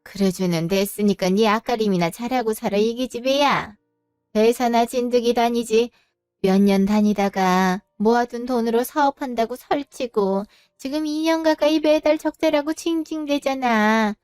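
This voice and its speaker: A woman's voice: on the high side, normal speed, a little mellow, smooth, no echo, studio quality, soft background music, natural voice. A woman voicing a blunt, scolding older mother in an audio drama story. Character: sharp-tongued older mother-in-law.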